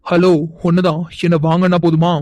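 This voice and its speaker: A man's voice: high-pitched, monotone, fairly quick, darkish tone, no echo, lightly acted. A man voicing a mocking young man in a cartoon, teasing and taunting. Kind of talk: cartoon voice acting.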